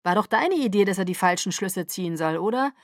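A woman's voice: mid-range voice, animated, fairly quick, dry recording, clean studio sound, natural voice. A woman voicing a brash, teasing young male shapeshifter in an audiobook. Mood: cocky. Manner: cocky and teasing.

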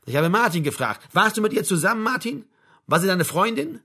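A man's voice: high-pitched, big pitch swings, fairly quick, sharp tone, slightly rough, pitched above the performer's own voice, full character voice. A man reading an audiobook, voicing a dry, sarcastic young man who stays cool in an argument. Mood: heated.

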